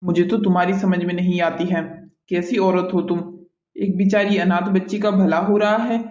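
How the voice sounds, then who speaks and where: A man's voice: high-pitched, moderate pace, reverberant, distant mic, muffled recording, close to an everyday voice. A man voicing a mild, moralizing husband. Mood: patient. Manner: calm, gently lecturing. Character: patient middle-aged husband, mild and moralizing. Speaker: husband and uncle.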